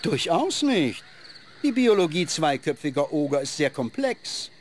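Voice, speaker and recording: A man's voice: a little high, sing-song, unhurried, slight background noise. A man voicing the clever, prissy, scholarly head of a two-headed giant ogre in a video game, speaking in a pompous, fussy, lecturing way. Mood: pompous, apologetic. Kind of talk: fantasy video game acting.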